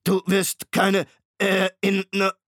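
A stuttering undead machine stalker. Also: male voice, high voice, monotone, measured pace, fairly bright tone, no echo, studio quality, pitched above the performer's own voice. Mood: menacing. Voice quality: stuttering, creaking like a damaged tape. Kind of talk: audiobook reading.

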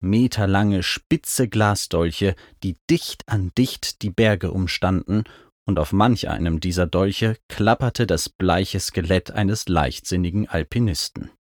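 A man's voice: deep voice, takes it slowly, no echo, clean studio sound. A man narrating a first-person adventure story in a vivid, dramatic reading style. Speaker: audiobook narrator.

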